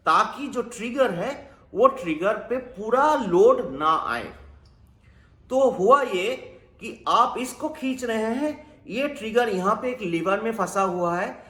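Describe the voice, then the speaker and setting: A man with a high voice walks through an air rifle's trigger mechanism in a patient, explanatory way. He mixes English technical terms into his talk. His voice rings in an echoey room. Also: a bit bright. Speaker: air gun reviewer. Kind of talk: technical product review.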